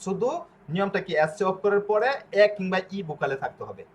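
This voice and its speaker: A man with a slightly high-pitched voice teaches a pronunciation lesson. He spells out letters and repeats short syllables slowly and deliberately. He speaks Bengali as his first language. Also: lively intonation.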